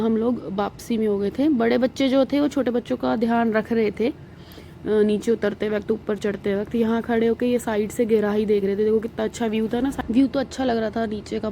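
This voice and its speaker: A woman with an Indian accent, a mother of young children, narrating her travel vlog in a relaxed, chatty way full of fillers. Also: fairly high pitch, a little hiss or hum. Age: adult with young children. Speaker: vlogger.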